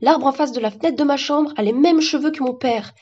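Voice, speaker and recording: A woman voicing a jittery young male neighbor who talks in a rushed, excitable way, on a dull lo-fi recording. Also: high-pitched, voice pushed up, natural voice. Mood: alarmed.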